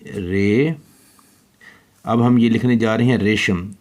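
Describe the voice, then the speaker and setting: Slow, low-voiced man teaching children. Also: steady tone, darkish tone. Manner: slow, spelling out letters one by one. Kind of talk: handwriting lesson for children.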